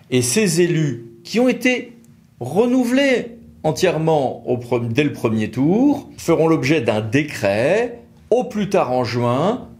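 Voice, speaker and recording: Speaking with a French accent in a medium-pitched, darkish voice, this presenter of a law firm's videos gives a casual legal explainer. He poses questions himself and answers them in colloquial terms.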